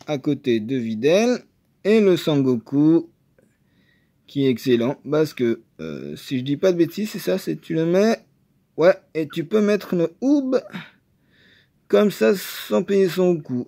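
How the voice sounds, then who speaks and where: A man chatting casually while opening trading card boosters, excitable and full of hesitations. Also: fairly high pitch. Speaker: card game video maker.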